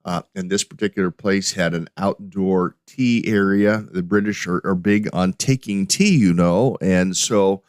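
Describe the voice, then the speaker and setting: Middle-aged man, low voice, dry close sound, hesitant podcast host with frequent restarts. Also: a little slow, hardly any pauses, clear, resonant tone, no echo. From United States. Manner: hesitant, many restarts and fillers. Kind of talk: casual solo podcast with slides.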